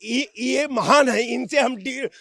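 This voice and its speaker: A man's voice: very high-pitched, takes it slowly, vocal fry, fairly bright tone, dry recording. A man from the public in a street interview, arguing heatedly and rhetorically, raising his voice in bursts. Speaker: member of the public. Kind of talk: street vox pop debate.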